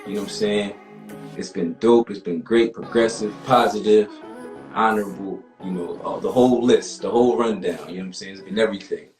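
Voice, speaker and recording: A man's voice: on the low side, a little fast, darkish tone, reverberant, soft background music. A man hosting a live interview stream, laid-back and full of slang, encouraging his guest. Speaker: host.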